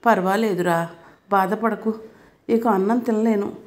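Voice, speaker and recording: A woman's voice: medium pitch, fairly even intonation, measured pace, close to an everyday voice. Woman voicing a tender elderly mother. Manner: soothing, fond pleading.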